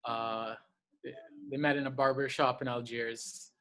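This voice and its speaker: A man's voice: mid-range voice, level tone, measured pace, a bit bright. A young man chatting casually in a rambling, self-deprecating way. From partly raised in the Gulf, of North African parents. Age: young adult. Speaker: cooking class host. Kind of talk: casual personal chat.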